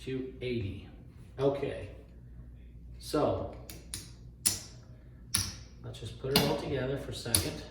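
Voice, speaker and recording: A man's voice: mid-range voice, takes it slowly, long pauses. A man talking like a craps table caller, calling out rolls, bets and payouts and muttering tallies aloud as he repeats numbers. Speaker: craps player demonstrating a betting strategy. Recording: echoey room, distant mic, faint noise, clicks.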